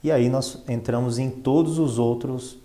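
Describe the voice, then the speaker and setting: A Brazilian finance professional and professor, appearing as an interview guest, explains things conversationally, leaning on emphatic repetition and rhetorical questions. His medium-pitched voice has a dark tone and fairly even intonation, and he talks a little slowly.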